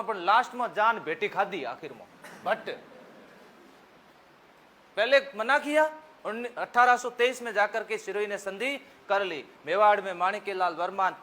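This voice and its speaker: A high-voiced man with a Rajasthani accent teaching history for competitive exams. His bright, ringing tone carries homely jokes and quick questions that he answers himself. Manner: folksy, joking, asks the class questions and answers them himself. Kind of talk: exam-prep history lesson.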